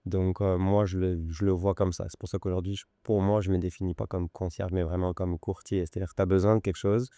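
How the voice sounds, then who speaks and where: A French man in his forties with a Lyon accent speaks as a podcast guest, pausing often as he tells his story. His voice is deep, dark and mellow. It is clear and smooth, recorded close and dry in a studio. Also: little pitch movement, dry recording. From France. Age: 40s. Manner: unhurried, hesitant storytelling. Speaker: podcast guest, luxury goods broker. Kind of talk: conversational interview.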